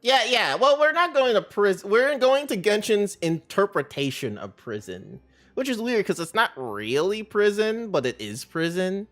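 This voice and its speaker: A game live streamer chats casually in a bubbly, cutesy, playful way, with faint game music behind. The voice is medium-pitched and a bit bright, very animated, at normal speed.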